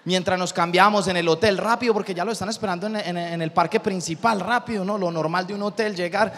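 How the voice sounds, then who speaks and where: This is a man with a notably high voice, telling a story with animated, profane energy and frequent laughter. His voice carries a long reverberating tail, as if recorded in a hall. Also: quick pace. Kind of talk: casual storytelling chat.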